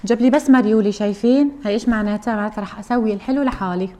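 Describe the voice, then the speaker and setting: A mother and cooking vlogger from Aleppo, speaking with an Aleppo Syrian Arabic accent, chats casually and explains things at length to her viewers. Her voice is medium-pitched and warm, and she talks rapid-fire.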